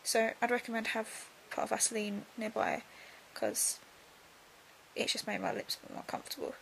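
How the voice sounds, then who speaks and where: Creaky-voiced young woman, subdued after surgery. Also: on the high side, fairly even intonation, moderate pace, a bit bright, a little hiss or hum, low-quality recording. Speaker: vlogger. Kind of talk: casual video diary.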